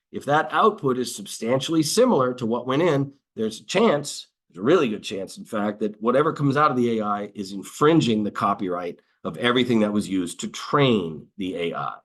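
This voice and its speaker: Conversational man explaining, full of fillers. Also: mid-range voice. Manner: dry sarcastic asides. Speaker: lawyer presenter. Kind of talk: webinar presentation.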